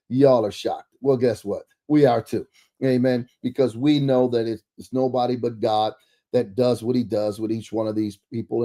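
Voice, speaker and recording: A man's voice: mid-range voice, warm tone. A man hosting a church talk show, introducing and interviewing a guest in a preacherly way, often saying amen.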